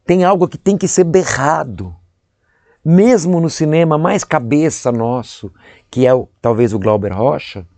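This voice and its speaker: A middle-aged man with a Brazilian accent, an actor telling stories in an interview, animated and acting out how others speak. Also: medium pitch, no echo. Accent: Brazilian Portuguese. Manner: animated, acts out voices and stressed syllables. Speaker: actor guest. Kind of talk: interview storytelling.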